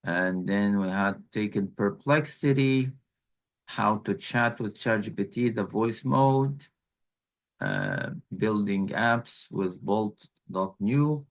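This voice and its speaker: A man teaching an online class, slowly walking students through challenges and repeating key points. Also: on the low side, lively intonation, gravelly. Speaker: instructor.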